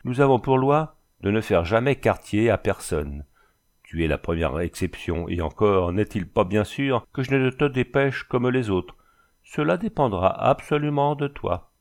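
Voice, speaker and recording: A man's voice: fairly low pitch, animated, measured pace, a little mellow. A man reading a storybook voices a tall, cold bandit chief with a Flemish accent, speaking in a smiling, sing-song, commanding way. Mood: coolly threatening.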